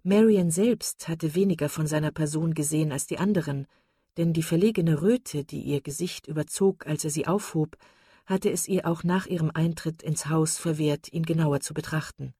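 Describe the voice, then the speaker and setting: A woman narrating a classic novel in a measured, steady audiobook reading. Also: low-pitched, slightly rough, dry recording, studio quality. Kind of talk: scripted narration.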